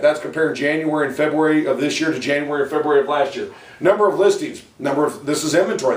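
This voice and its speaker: A man's voice: a little high, darkish tone. A man presenting a monthly real estate market update as a company president, folksy and emphatic, speaking straight to buyers. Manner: folksy and emphatic, joking between figures; walks through slides and addresses buyers directly. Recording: echoey room, mic at a distance.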